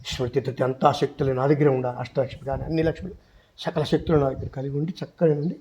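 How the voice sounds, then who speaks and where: A man praying aloud with deep devotion, pleading and fervent, chanting verses and shifting between soft murmurs and loud cries. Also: fairly even intonation, quick pace, slight background noise. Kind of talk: emotional devotional prayer.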